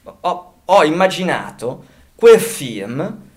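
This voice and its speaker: A man's voice: a little high, big pitch swings, slow pace. A man co-hosting a casual podcast, talking, rambling, often restarting and correcting himself as he thinks aloud. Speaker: podcast co-host.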